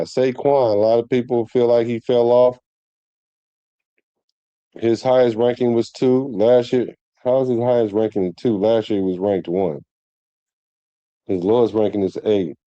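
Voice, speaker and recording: Rambling man, dark dry voice. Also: mid-range voice, fairly even intonation, unhurried, pauses often, no room sound, dull audio. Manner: rambling, conversational, with many restarts and fillers. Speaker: sports show host. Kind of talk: casual sports commentary to viewers.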